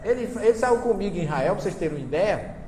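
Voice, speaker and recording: A man's voice: high voice, expressive, fast, mellow. Man, Northeastern Brazilian accent, humorous lecturer, long hall reverb, faint hiss. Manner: humorous storytelling, asks the audience questions. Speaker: seminar lecturer on Bible translations. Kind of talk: lively seminar talk with anecdotes. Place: lecture hall before an audience.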